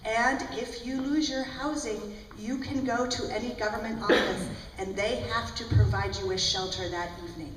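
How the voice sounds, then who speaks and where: A woman's voice: a little high, steady tone, moderate pace, hardly any pauses. A woman originally from the Netherlands, speaking as an academic panelist, explaining points emphatically and often adding "right?". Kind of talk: panel discussion. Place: large hall at a breakfast event. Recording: echoey hall from far off, background noise.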